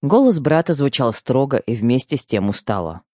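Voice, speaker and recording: A man reading a first-person story aloud as an audiobook narrator, with expressive storytelling. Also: mid-range voice, normal speed, no echo, studio quality. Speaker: audiobook reader.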